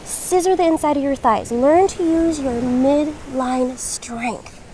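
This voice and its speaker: High-voiced woman leading yoga. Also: dark tone, a little hiss or hum, rough recording. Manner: encouraging, reassuring, measured cueing. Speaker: yoga instructor. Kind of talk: guided yoga class instruction.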